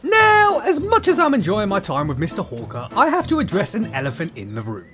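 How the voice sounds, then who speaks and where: A man's voice: high voice, huge pitch swings, brisk, pushed and bright, faint music behind. A man hosting his channel, giving a scripted, sarcastic game review with punchy jokes. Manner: sarcastic, punchy, jokey delivery. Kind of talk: scripted comedic review narration.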